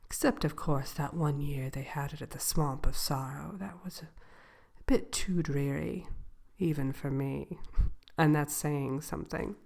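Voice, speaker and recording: A woman playing a sly, genteel wicked witch shopkeeper in a soft, partly whispered ASMR roleplay, speaking with hesitant formality. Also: sits low, vocal fry, heavily acted. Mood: smugly gracious. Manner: slow, hesitant drawl with genteel, formal wording. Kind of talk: ASMR roleplay, soft-spoken to one listener.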